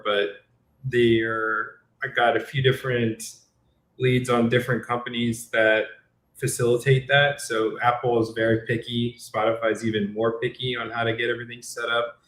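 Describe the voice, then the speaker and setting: A man's voice: medium pitch, little pitch movement, normal speed, a bit bright, a little hiss or hum. Man with a cave-like echo. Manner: easygoing, explains things plainly with light laughs. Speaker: podcast co-host. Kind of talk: casual chat on a group call. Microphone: poor remote call mic. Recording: cave-like echo from a roomy space.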